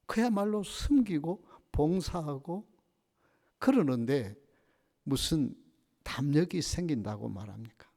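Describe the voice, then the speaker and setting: A male pastor delivering a Sunday sermon with lively storytelling and frequent rhetorical questions. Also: fairly high pitch, takes it slowly. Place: church sanctuary. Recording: reverberant church sanctuary.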